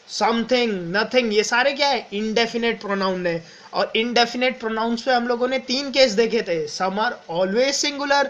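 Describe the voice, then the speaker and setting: A man with an Indian accent teaching an English grammar lesson, explaining step by step and often asking "clear?". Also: sits high, a bit bright, poor audio. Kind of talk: exam-prep grammar lesson.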